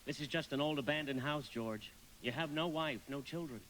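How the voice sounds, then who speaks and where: An actor playing a gentle, elderly guardian angel in a live radio play, explaining things earnestly. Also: male voice, fairly high pitch, normal speed, very noisy, natural voice. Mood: solemn.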